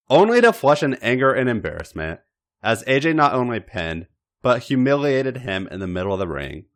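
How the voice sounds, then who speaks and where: A man reads fan fiction on his podcast in a medium-pitched, fairly bright voice. He narrates the story expressively, with a dramatic and emphatic delivery.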